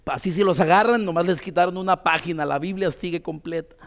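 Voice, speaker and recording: A man preaching in a church with a fairly high voice. He talks in a loose, conversational way, tossing in tag questions and fillers as he goes. The sound carries a long reverb from the church hall. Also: fast, a bit bright. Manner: tells a story with many "dice" quotes. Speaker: pastor. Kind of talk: sermon.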